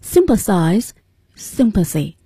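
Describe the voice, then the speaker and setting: A woman's voice: mid-range voice, sing-song, takes it slowly, dark tone, slightly rough, dry recording, clean studio sound. A woman co-hosting a radio English lesson, repeating the words after the teacher and asking follow-up questions. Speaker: co-host of the lesson.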